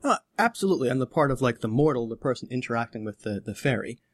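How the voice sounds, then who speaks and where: A man in an easygoing podcast chat, acting as game master as he talks through how rules play out at the table. He rambles a bit, restarts and corrects himself, with a voice of middling pitch. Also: lively intonation, quick pace. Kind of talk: casual podcast discussion.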